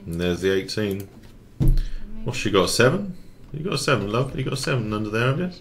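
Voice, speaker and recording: A man commentating live on his own game, excitable and swearing, talking to his viewers. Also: on the low side, brisk, creaky. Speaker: gambling streamer.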